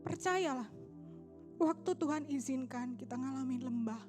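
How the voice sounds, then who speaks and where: Woman preacher, sermon, emotional storytelling, somewhat high voice, soft music behind. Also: brisk. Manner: emotional storytelling, quotes friend and God in changed tones. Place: church stage.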